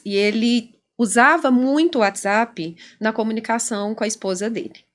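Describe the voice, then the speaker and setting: Lively Brazilian woman psychologist explaining. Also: fairly high pitch. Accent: Brazilian Portuguese. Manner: animated, explanatory, acts out quoted dialogue. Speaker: clinical psychologist, guest. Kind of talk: conversational podcast interview.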